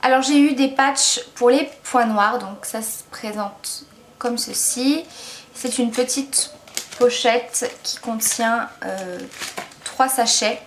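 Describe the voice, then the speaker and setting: A beauty vlogger reviews makeup products casually, speaking slowly in a slightly high voice with slight background noise behind her. She's chatty and enthusiastic, gushing about the products and using lots of hesitant fillers.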